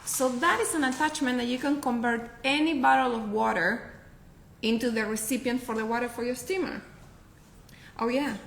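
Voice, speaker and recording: A professional packer on as a guest, this Spanish-accented woman, whose first language is Spanish, shares upbeat, instructive packing tips casually, frequently tagging on "right?". Her voice is on the high side, with vocal fry and a moderate pace, in a reverberant space.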